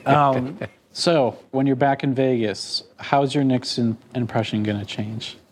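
A man's voice: mid-range voice, fairly even intonation, a little slow, slight background noise. A man hosting a podcast, asking questions and narrating scripted segments in a conversational, inquisitive manner. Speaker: podcast host.

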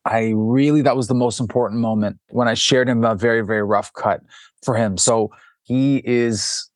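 A man's voice: mid-range voice, normal speed, no room sound, clean studio sound. A man being interviewed as a film director, telling anecdotes with lots of restarts and quoted dialogue. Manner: animated anecdotes with many restarts and acted quotes. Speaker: documentary director, guest. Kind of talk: conversational storytelling interview.

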